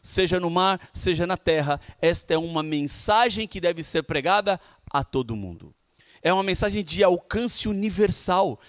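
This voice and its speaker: A man preaching a sermon in a Brazilian Portuguese accent, emphatic, with pauses and drawn-out words. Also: high-pitched, lively intonation, no room sound, studio quality. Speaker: pastor.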